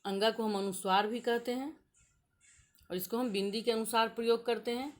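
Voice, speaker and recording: A woman teacher giving a grammar lesson to young pupils, speaking slowly and deliberately and sounding out letters one at a time. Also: a little high, steady tone. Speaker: school teacher.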